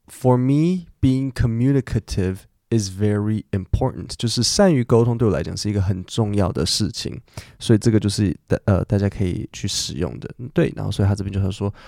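A man's voice: on the low side, gravelly, dark tone, dry recording, studio quality. A man, hosting a casual podcast lesson and explaining English words in a chatty way full of fillers. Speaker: podcast host and English teacher.

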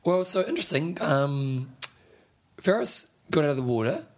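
A man's voice: fairly high pitch, big pitch swings, moderate pace. A man with a broad New Zealand accent hosting a podcast in casual, teasing banter full of slang. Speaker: podcast host.

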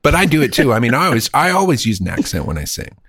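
Here another podcast co-host talks quickly in a medium-pitched, slightly rough voice. He rambles animatedly through casual chat, imitating other people's voices, and the studio-quality audio carries no room sound.

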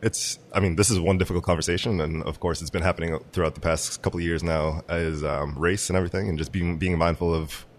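Very deep-voiced male chef, easygoing. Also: fairly even intonation, fast, few pauses, a little hiss or hum. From Massachusetts. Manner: easygoing, enthusiastic storyteller. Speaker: chef and restaurant owner. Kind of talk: casual interview.

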